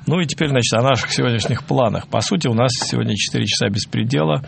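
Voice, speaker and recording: A man's voice: medium pitch, fast, gravelly, slight background noise. A man hosting a live radio music show in a casual, somewhat hesitant and rambling way.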